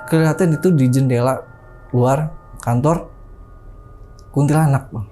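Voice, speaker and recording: Mellow-voiced man telling a ghost story. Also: mid-range voice, unhurried, soft background music. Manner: chatty, keeps calling the listener "Bang", imitates sounds. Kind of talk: casual spoken storytelling.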